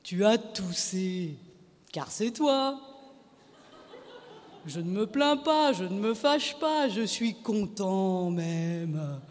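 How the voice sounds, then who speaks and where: A woman voicing a tired, mocking husband who speaks low and flat. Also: a little slow, big-room sound, slight background noise. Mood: placating. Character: weary, mocking husband wanting peace.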